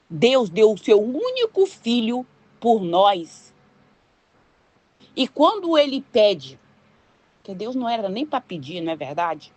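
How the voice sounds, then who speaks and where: An older woman with a Brazilian Portuguese accent delivers an informal, chatty sermon, leaning heavily on rhetorical and tag questions. Her voice is a little high with a darkish tone, in a dry recording.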